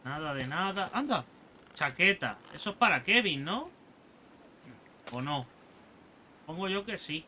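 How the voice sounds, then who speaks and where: A slightly high-voiced man with a Spanish accent narrates his gameplay as a channel host. His tone is sharply bright and his pitch leaps around as he reacts, curses and mocks the enemies he fights. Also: unhurried, long pauses, a little hiss or hum. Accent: Spain Spanish. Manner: excitable, swearing, taunting enemies aloud. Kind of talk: let's play commentary.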